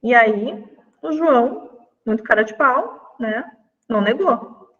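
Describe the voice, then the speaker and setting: A fairly high-voiced woman leads an online teacher training, chatting her way through classroom card games. The sound is muffled and distant, with a long reverb trailing behind her. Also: expressive, slow pace. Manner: chatty, demonstrates games on screen with many fillers.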